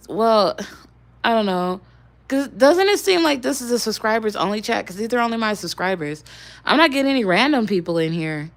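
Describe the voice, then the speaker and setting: A young woman chatting casually on a livestream. She rambles and swears now and then as she talks with her viewers. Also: mid-range voice. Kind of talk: casual live-stream chat.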